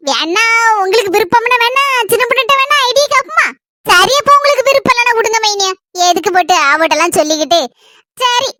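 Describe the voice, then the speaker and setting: A woman's voice: very high-pitched, fairly bright tone, a little hiss or hum. A woman acting a chatty village sister-in-law in a comedy skit, with a Kanyakumari Tamil accent and a persuasive way of talking. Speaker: skit actress.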